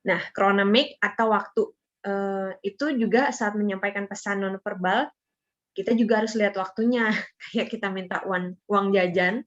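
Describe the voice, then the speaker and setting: A young woman gives a student presentation in a relaxed, conversational way. She fills her speech with hesitations and little tag words. Her voice sits at a middling pitch, and the recording sounds a bit dull and lo-fi. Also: moderate pace. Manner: chatty, with many fillers and tag words. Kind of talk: casual explanatory presentation.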